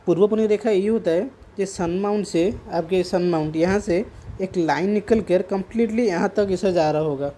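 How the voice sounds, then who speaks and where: Man explaining palm reading, mellow voice. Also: high voice, normal speed. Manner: repeats and rephrases points while explaining; sprinkles English terms into speech. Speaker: palm reader. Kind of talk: casual explaining to camera.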